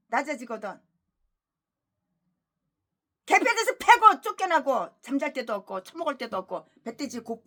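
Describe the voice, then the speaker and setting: High, bright-voiced woman pastor ranting. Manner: abusive, swings between shouting and muttering. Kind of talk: expository sermon with angry tirades.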